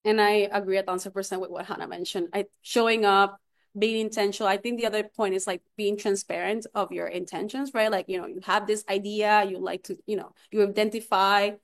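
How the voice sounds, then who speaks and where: A woman's voice: medium pitch, steady tone, fairly quick. A woman from Puerto Rico speaking on a panel as a community researcher, earnest, with frequent restarts and fillers. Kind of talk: panel discussion.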